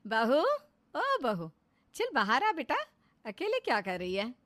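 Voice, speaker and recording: A soft-hearted elderly mother-in-law in a cartoon family story, coaxing and affectionate, as a woman puts her on. Her voice is fairly high and lifts gently when she calls out. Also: measured pace.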